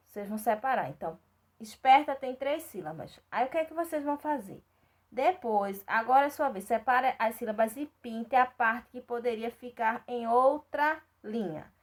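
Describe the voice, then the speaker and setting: A woman's voice: a little high, lively intonation. A woman with a Brazilian Portuguese accent teaching a class of young children, patiently spelling out syllables and checking that they follow. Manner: patient, repeats and checks in with "tá certo?"; spells out syllables slowly and clearly. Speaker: primary school teacher. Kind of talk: recorded remote lesson for young children.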